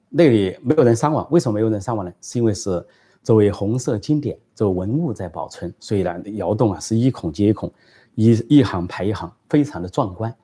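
A man's voice: on the low side, warm tone, breathy edge. A male channel host telling a joke and then answering viewer questions, with frequent hesitation fillers. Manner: plain storyteller, frequent fillers. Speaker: political commentary host.

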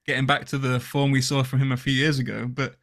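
A British man co-hosts a relaxed podcast in a middle-pitched voice. He is blunt and opinionated and throws in jokes as he goes. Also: fast. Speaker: podcast co-host. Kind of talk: casual podcast banter.

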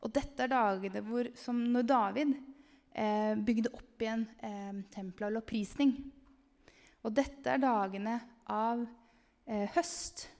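A woman giving an animated, emphatic testimony sermon about a vision, sometimes calling out loudly to the listeners. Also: on the high side, gravelly. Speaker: speaker sharing a vision. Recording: long hall reverb.

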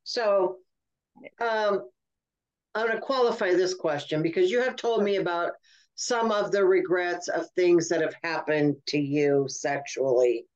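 A woman hosting a podcast, asking her guest questions in a measured, thoughtful way. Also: fairly low pitch, darkish tone. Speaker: podcast host. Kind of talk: interview questions. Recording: dull lo-fi podcast audio.

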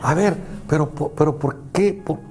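A man's voice: a little high, moderate pace, a crowd in the background. Earnest man explaining. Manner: earnest, explanatory, acts out dialogue. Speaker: psychology professor and guest. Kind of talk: conversational talk show.

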